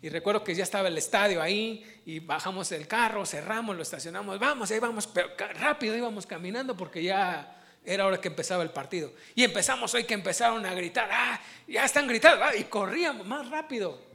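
Male preacher, high pitched, animated, questioning the congregation. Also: fast talker, vocal fry. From Mexico. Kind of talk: sermon.

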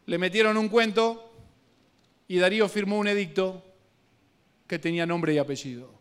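A male preacher with a Guatemalan Spanish accent delivers a sermon in a somewhat high voice. He tells the story with local slang and humor. He drops to a quiet, slow reading, then rises to louder, quicker bursts. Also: clean tone.

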